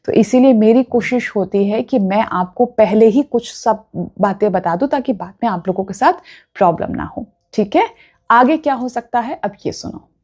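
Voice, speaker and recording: A woman vastu consultant speaks directly to the camera, giving earnest, instructive advice and often checking that viewers follow. Her voice is on the high side, a little mellow and slightly rough, at a moderate pace.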